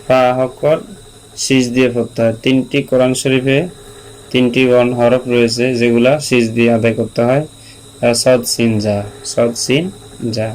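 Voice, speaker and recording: A man teaching Quran reading, spelling out syllables slowly and repeating them patiently for learners. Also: mid-range voice, rough recording. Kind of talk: slow spelled-out recitation lesson. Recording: steady mains hum behind the voice.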